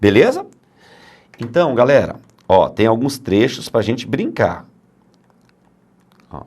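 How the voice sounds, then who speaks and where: A man lecturing on grammar in a lively, swooping voice at a mid pitch. He speaks with emphasis and keeps posing rhetorical questions, then answering them himself. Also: slow pace, breathy edge. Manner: emphatic, asks and answers his own questions. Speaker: Portuguese grammar teacher. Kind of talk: grammar lecture for exam prep.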